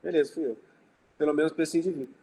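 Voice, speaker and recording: Man, Brazilian Portuguese accent, spiritist lecturer, conversational storytelling, mellow, fairly high voice. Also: fairly even intonation, rapid-fire, breathy edge, rough recording. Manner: conversational, tells anecdotes and acts out dialogue. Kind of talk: informal religious study talk.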